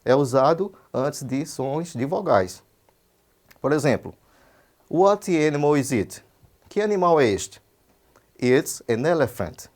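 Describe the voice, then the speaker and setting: A Brazilian male English teacher giving a broadcast lesson. He explains quickly in Portuguese, says the English examples slowly and carefully, and often checks in with "certo?". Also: fairly high pitch, expressive, darkish tone. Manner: switches between quick explanation and slow, deliberate English examples; checks understanding with frequent "certo?".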